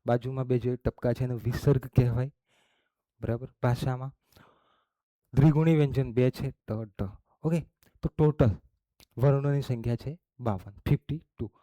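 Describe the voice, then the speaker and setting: A man teaches a class in a steady, mellow, mid-range voice; there's no room sound, though the audio is dull. He moves slowly through his explanation step by step, frequently pausing to ask "okay?" or "barabar?"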